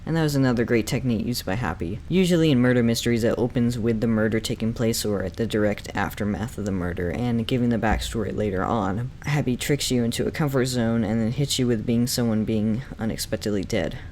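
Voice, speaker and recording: Speaking fast with hardly any pauses, a man with a mid-range, darkish voice delivers semi-scripted review commentary as narrator of a video essay. He comes across as an enthusiastic, opinionated fan, against a clearly noisy background.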